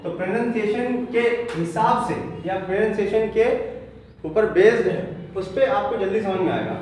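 A man teaching a lesson, explaining slowly, repeating terms and spelling words out letter by letter. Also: high voice, animated, darkish tone, a little hiss or hum. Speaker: English teacher. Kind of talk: Hindi lesson on English spelling. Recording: very echoey room from far off.

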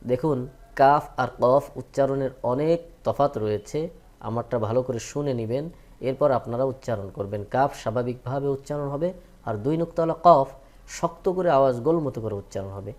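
A man teaching Quran reading, drilling letter names slowly between plain advice to learners. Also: mid-range voice, a little mellow. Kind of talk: slow recitation lesson.

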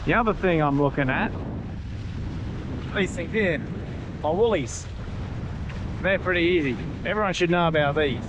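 High-voiced man teaching on a windy boat deck. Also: normal speed, pauses often, highs cut off. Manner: casual, explanatory, pointing things out. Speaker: sailing instructor. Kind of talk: hands-on instructional explanation. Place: on deck of a catamaran at sea, outdoors. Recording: loud wind noise on the mic outdoors.

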